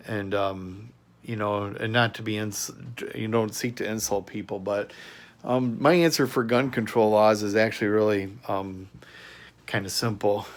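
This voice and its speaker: A man hosting his own commentary channel, talking casually and earnestly in a rambling opinion monologue full of fillers and restarts. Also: fairly low pitch.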